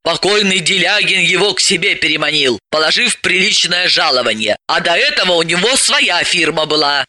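A man's voice: high-pitched, animated, moderate pace, hardly any pauses, bright, forceful tone, no echo, heavily acted. Man voicing a bossy, mocking woman. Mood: triumphant. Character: bossy, sardonic woman psychoanalyst.

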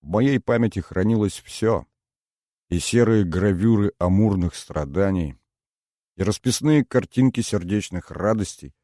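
A man narrating a first-person audiobook in a calm, measured, brooding way. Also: lowish voice, no room sound, studio quality.

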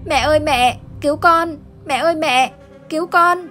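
A woman's voice: moderate pace, a bit bright, faint music behind. A woman voicing a frightened little village boy who cries and pleads for his mother in a ghost story. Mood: terrified crying. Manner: sobbing, pleading, high and shaky.

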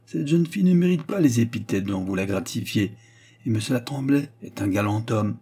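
A man's voice: on the low side, animated, brisk, warm tone, slightly rough. A man doing an earnest young man. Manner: polite, defensive, eager. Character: earnest young man, bashful but stubborn.

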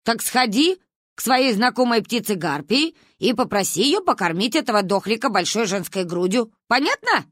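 A woman voicing a stern, sharp-tongued grandmother who grumbles and mocks. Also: medium pitch, expressive, fairly quick, no room sound, studio quality, natural voice. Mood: scolding.

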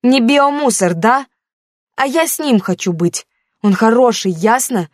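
A woman's voice: fairly high pitch, animated, unhurried, no room sound, clean studio sound, voice pushed up. Woman voicing a defiant teenage girl. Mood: tearful, accusing. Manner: shouting, accusing, on the verge of tears.

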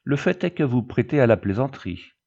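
A man reading the part of a calm, sardonic frontier lieutenant who answers curtly and dryly. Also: medium pitch, fairly quick, creaky, voice pushed up. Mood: cool. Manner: curt, calm, dry. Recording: dull lo-fi recording.

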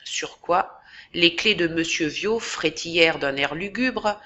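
Bright-voiced woman reading a novel aloud. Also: fairly low pitch, a little slow. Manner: dramatic, varied emphasis. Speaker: audiobook narrator. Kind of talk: expressive literary reading.

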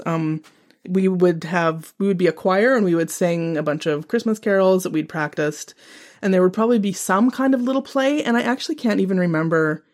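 Creaky-voiced woman in casual chat. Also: lowish voice, darkish tone.

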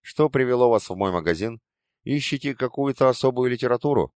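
A man's voice: mid-range voice, expressive, a little fast, darkish tone, no room sound, clean studio sound, pitched above the performer's own voice, close to an everyday voice. A man reading an audiobook and voicing a plump, fussy old bookseller who greets customers eagerly.

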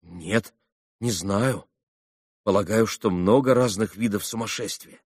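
A man reading an audiobook, voicing a gentle, earnest young man who speaks quietly and sincerely. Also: lowish voice, unhurried, husky, dry recording, clean studio sound. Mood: thoughtful. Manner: quiet, soft-spoken.

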